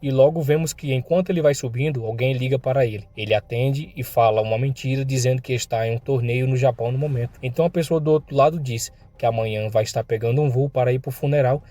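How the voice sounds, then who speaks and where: A man with a Brazilian accent tells a comic story in a recap style. His voice is dark and mellow at an ordinary pitch. When the thugs speak, he pushes his voice higher and louder to act out their lines. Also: fairly even intonation, fast, hardly any pauses. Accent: Brazilian Portuguese. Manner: voices thug dialogue with rising pitch and force. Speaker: manhwa recap narrator.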